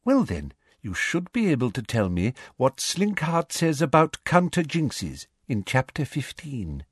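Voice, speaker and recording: A man voicing a prim, condescending woman teacher who speaks smoothly and sleekly. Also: mid-range voice, wildly swooping pitch, measured pace, dry recording, clean studio sound, voice pushed up, heavily acted.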